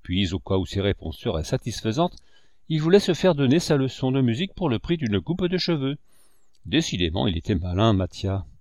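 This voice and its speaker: A man narrating an audiobook with a mid-pitched voice and animated, rising and falling intonation. His storytelling is expressive and measured. The recording is close and dry, with no room sound. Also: no echo. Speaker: audiobook reader.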